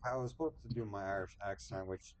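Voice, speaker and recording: A man's voice: lowish voice, fast talker. A young man co-hosting a podcast in casual chat, teasing his co-host and joking.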